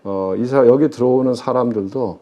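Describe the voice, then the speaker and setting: In a conversational interview about public finance, a middle-aged expert guest who formerly ran investments for a pension fund speaks in a warm, medium-pitched voice at normal speed. He makes his points emphatically, often posing questions he then answers himself. The sound is slightly muffled.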